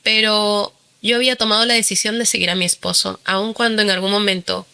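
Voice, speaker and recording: A Peruvian woman in her forties shares her testimony as an interview guest, speaking with a Peruvian Spanish accent. Her voice is bright and forward, and she tells her story earnestly, with frequent hesitations and fillers along the way. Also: medium pitch, little pitch movement, a little fast, clear, resonant tone.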